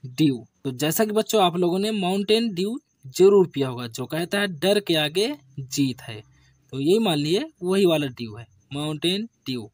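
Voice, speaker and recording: A man teaching English spelling to beginners, drilling words slowly with repeated questions and answers. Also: fairly high pitch, animated, no echo. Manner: slow, repetitive call-and-response drilling. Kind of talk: classroom lesson for beginners.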